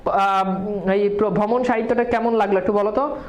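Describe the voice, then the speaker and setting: A woman's voice: mid-range voice, fairly even intonation, darkish tone, echoey room, dull audio. A woman teacher, quizzing students in an exam-prep lesson and mixing English words into her speech. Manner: quizzing students with quick questions and answers.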